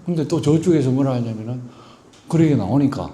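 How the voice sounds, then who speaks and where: A middle-aged teacher with a Gyeongsang Korean accent gives a guest lecture built on stories. His voice is dark and mellow. He asks his listeners questions and acts out the people in his stories. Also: mid-range voice, animated, fairly quick. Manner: acts out quoted voices and poses rhetorical questions. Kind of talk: storytelling public lecture.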